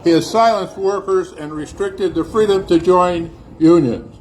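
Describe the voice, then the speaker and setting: A man's voice: high voice, a little slow, darkish tone, rough recording. Man giving an earnest rally speech. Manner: earnest, with some hesitations. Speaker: rally speaker. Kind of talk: political speech. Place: outdoor protest rally.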